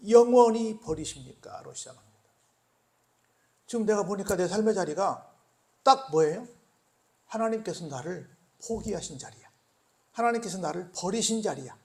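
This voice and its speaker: Male pastor, high voice, animated sermon, rhetorical questions, soft-to-loud swings.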